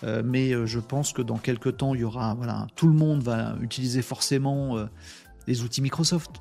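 With a gravelly mid-range voice and a moderate pace, a man hosts a daily live webinar, swapping anecdotes full of playful effects like "bim" and reading viewers' comments out loud. He's lively and casual, and faint music sits in the background.

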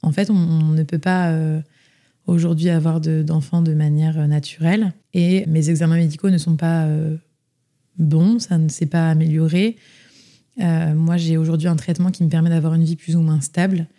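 A woman's voice: low-pitched, flat delivery, normal speed, dark tone. A young woman from France telling her personal story as an interview guest, chatty, with many fillers and restarts. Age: young adult.

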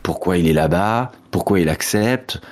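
A man's voice: low-pitched, animated, moderate pace, darkish tone. A man co-hosting a podcast, chatting casually with many fillers and repeated "et cetera". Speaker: podcast co-host. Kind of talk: casual chat, recommending a podcast.

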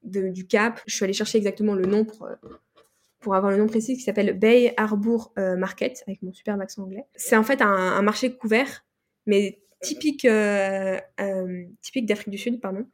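Chatting casually in an interview, this young woman from France talks a little fast with a steady, medium-pitched voice. As a podcast guest describing a trip, she rambles, using plenty of fillers and frequently starting over.

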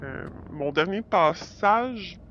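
A performer plays a secretive woman who drives a van in a radio drama, her voice masked by a voice changer. She speaks at a middle pitch and hesitates often between words. The sound is dull and lo-fi, with faint noise behind her. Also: expressive, takes it slowly, fairly bright tone. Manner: hesitant, lots of filler sounds. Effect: voice changer disguising the voice.

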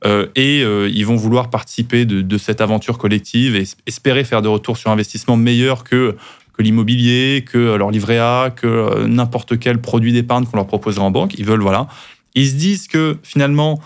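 Man explaining at length, steady voice. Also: medium pitch, fairly quick. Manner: explanatory, with frequent restarts and fillers. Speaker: lawyer guest. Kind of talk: explaining in a podcast interview.

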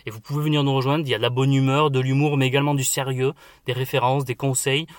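A man hosting a casual book podcast, chatty and enthusiastic, often filling pauses with "voilà". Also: medium pitch, level tone, no echo, studio quality. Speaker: podcast host.

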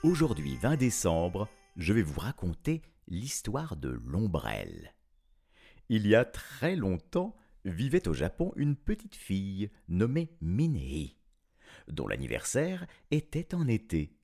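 A man narrating a children's tale with expressive, dramatic delivery. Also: lowish voice, slow pace, gravelly, breathy edge. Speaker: storyteller. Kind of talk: storybook narration.

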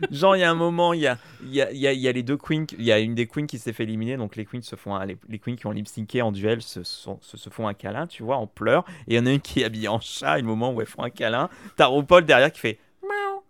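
A man's voice: medium pitch, quick pace, no echo. A man chatting casually as a podcast co-host, telling stories at length with lots of fillers and repeats. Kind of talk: casual chat recapping TV shows.

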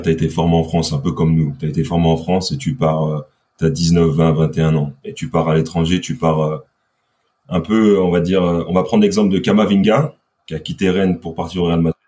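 A man's voice: sits low, warm tone. A man co-hosting a casual podcast, explaining his point through examples with hedging fillers.

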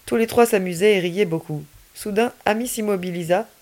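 A woman storyteller reading a children's book aloud at a medium pitch. She keeps her narration expressive and lively for young listeners. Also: brisk.

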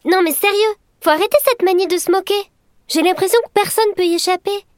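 Chatty high-voiced schoolgirl. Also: brisk, slight background noise. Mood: indignant. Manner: lively, talks straight to the listener. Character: chatty 12-year-old schoolgirl narrator. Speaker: podcast host in a story. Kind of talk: scripted audio drama narration.

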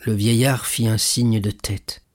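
A man reading a classic novel aloud as audiobook narration, in a measured, even storytelling manner. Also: lowish voice. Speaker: audiobook reader.

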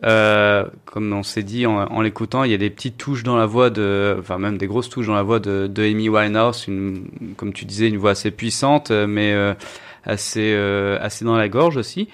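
A man's voice: lowish voice, fairly even intonation, moderate pace, clear, resonant tone. A man reviewing a song on a radio show, hesitant and full of fillers.

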